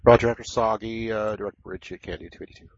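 A man's voice: lowish voice, fast talker, gravelly, dry recording. A man flying a plane, speaking through a cockpit headset over the radio with terse, clipped readbacks to air traffic control. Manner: terse, clipped, flat procedural phrasing. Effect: pilot on a cockpit headset over aircraft radio. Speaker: pilot. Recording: muffled radio transmission.

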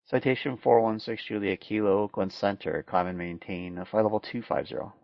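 A man's voice: fairly low pitch, fairly even intonation, fairly quick, creaky, dry recording. A man working as an air traffic controller, giving clipped, procedural radio instructions. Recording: dull, lo-fi radio sound.

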